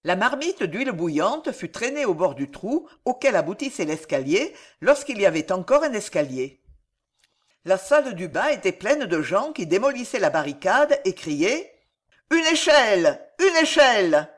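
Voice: mid-range voice, very animated, moderate pace, breathy edge. An audiobook narrator reading a historical adventure novel in a dramatic, rhythmic way.

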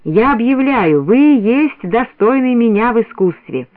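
A man voicing a pompous foreign bell-casting master who speaks slowly in careful, broken phrases. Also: extremely high pitch, lively intonation, no echo, voice pushed up. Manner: slow, careful, broken speech. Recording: dry, narrow radio sound.

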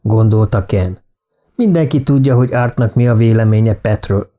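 Guy narrating a thriller audiobook, steady and even, warm low tone. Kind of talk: audiobook reading of a thriller novel.

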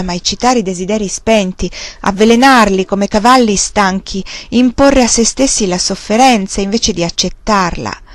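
A woman's voice: mid-range voice, no echo, lightly acted. A woman reading the lines of a grave, fatherly mentor giving solemn advice, in a dry close recording.

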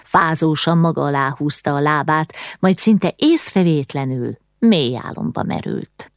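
A woman narrating a novel as an audiobook in a steady, measured way. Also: deep voice, no room sound, clean studio sound.

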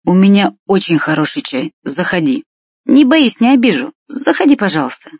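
A reader voicing a tearful sixty-year-old village man who talks slowly and sighs with grief, in a husky voice. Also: mid-range voice, sing-song, a little mellow, dry recording. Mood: coaxing. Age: 60s. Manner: slow, sighing, heavy with grief. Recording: dull lo-fi dry recording.

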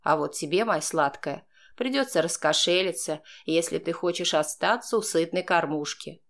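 A woman voicing a calm, mocking, manipulative man who blackmails, speaking slowly in a cold, sneering way. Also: lowish voice, pitched below the performer's own voice, lightly acted. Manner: slow, sneering, coldly composed.

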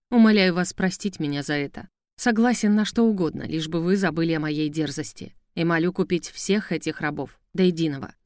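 A woman's voice: fairly low pitch, darkish tone, no room sound, studio quality, lightly acted. A woman reading a repentant prince. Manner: subdued, pleading. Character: remorseful proud young male star prince, now a slave.

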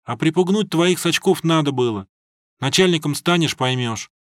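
A man doing a gruff drunken supervisor. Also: fairly high pitch, lively intonation, normal speed, dry recording, studio quality, natural voice. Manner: gruff, scornful, blunt. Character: gruff drunken middle-aged male supervisor.

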